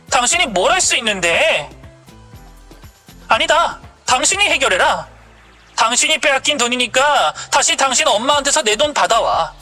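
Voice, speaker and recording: A fierce young wife in a spoken story, sharp and scolding, as a woman reads her part. The voice sits very high and sounds bright and tense. Soft music plays underneath. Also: full character voice. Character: angry young wife confronting her in-laws.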